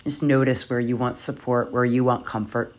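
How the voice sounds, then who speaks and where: A meditation guide leading yoga nidra in a soft, soothing, measured voice with long pauses. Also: medium pitch, level tone.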